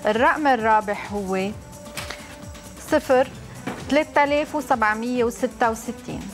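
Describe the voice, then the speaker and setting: A woman's voice: a little high, moderate pace, faint music behind. A middle-aged woman with a Lebanese accent formally announcing lottery draw numbers in a TV studio.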